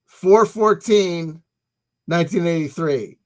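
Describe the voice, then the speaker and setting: A man with a notably high voice hosts a livestream monologue. He rambles insistently, circles back over his phrases and leans hard on his points. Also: slow pace, a little mellow. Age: 30s to 40s. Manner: emphatic, insistent, repeats himself. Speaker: livestream host.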